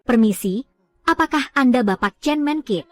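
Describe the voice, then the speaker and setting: A woman reading out a film's dialogue for a recap, giving every character's lines in one steady voice. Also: high voice, moderate pace, dry recording, soft background music. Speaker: film recap narrator.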